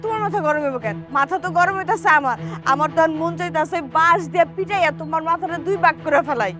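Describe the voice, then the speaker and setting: An actress playing a tearful, accusing village wife. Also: female voice, extremely high pitch, fast, music in the background.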